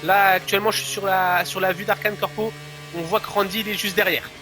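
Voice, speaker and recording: A man's voice: high voice, little pitch movement, fairly quick, over music. A man giving live play-by-play as a motorsport commentator on a motorcycle racing game.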